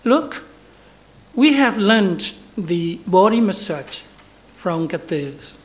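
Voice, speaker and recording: A man from Myanmar with a Burmese accent giving a formal, deliberate speech as a guest speaker. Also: high voice, sing-song. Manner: deliberate, addresses listeners as brothers and sisters.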